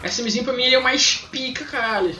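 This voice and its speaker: A man's voice: extremely high pitch, fast talker, sharp tone. A young Brazilian man doing casual, slangy live game commentary, rambling and swearing freely. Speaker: gaming live streamer. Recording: roomy home stream with game music. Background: faint game music.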